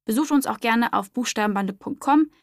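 Woman host wrapping up a story podcast, slightly high voice, chatty, dry sound. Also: moderate pace, no room sound. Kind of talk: friendly outro announcement.

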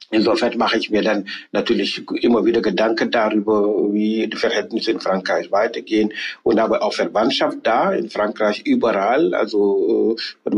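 A man answers political questions in a hesitant, halting manner, often pausing and restarting his sentences. His voice sits on the low side and has a husky texture. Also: poor audio. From Senegal. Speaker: member of parliament interviewed as guest. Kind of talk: political interview.

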